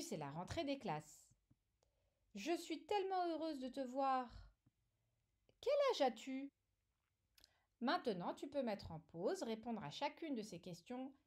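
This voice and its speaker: A woman's voice: fairly high pitch, a little mellow. A woman teacher explaining a lesson to young children, patiently addressing the child directly and stressing key words.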